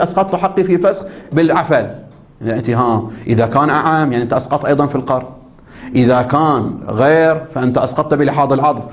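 A man teaching religious law in a seminary lecture, reading a text aloud and explaining it. He keeps quizzing his listeners with prompting questions and checking that they follow. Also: medium pitch. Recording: dull lo-fi recording.

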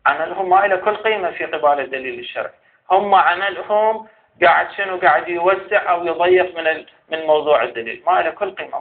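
A man with an Iraqi Arabic accent giving a seminary lecture, arguing point by point and posing questions to the scholar he rebuts. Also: high-pitched. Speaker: teacher of Islamic jurisprudence. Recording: tinny phone-like sound.

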